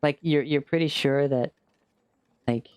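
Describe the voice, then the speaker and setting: A man's voice: on the high side, measured pace, darkish tone, smooth, no echo. A man running a tabletop game as game master, narrating casually in a rambling, jokey way.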